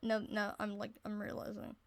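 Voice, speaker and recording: A woman's voice: mid-range voice, monotone, moderate pace, gravelly. A woman reading a visual novel aloud, stumbling over words and breaking off to joke and swear. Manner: reads aloud with many restarts, breaks off to comment and swear. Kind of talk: casual let's-play narration and chat.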